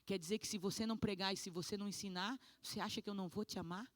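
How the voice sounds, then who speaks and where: A woman pastor voicing God as a gentle, fatherly figure, softly and tenderly. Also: mid-range voice, steady tone, rapid-fire, dry recording, natural voice. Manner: soft, tender, quieter. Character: gentle fatherly God speaking to his daughter.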